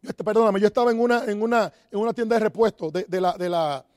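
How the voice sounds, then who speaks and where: Fast-talking man, high voice. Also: a little mellow, no echo, studio quality. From Dominican Republic. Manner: asks the audience rhetorical questions, repeats key phrases. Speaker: network marketing speaker. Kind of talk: motivational talk to an audience.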